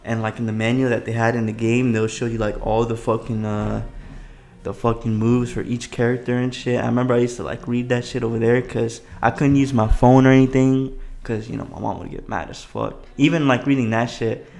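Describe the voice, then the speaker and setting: A young adult man chatting casually as a podcast co-host, full of slang and swearing, with a gravelly voice. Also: mid-range voice, flat delivery, a little fast, a little mellow.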